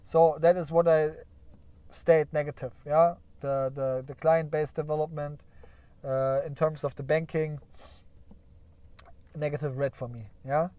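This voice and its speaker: This streamer's voice sits on the high side, with little pitch movement, a slightly slow pace, and a warm, clean tone free of echo. He covers company earnings live while sharing his screen, thinking aloud, hedging with "yeah?", and joking about crying over the results.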